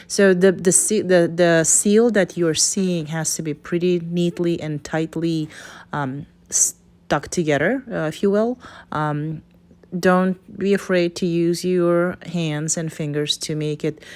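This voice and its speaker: A Kazakh-accented woman from Kazakhstan, a home cook presenting a recipe, speaks a casual, unscripted voice-over that is hesitant and full of stops and restarts. Her voice is deep and darkish, with a clean tone.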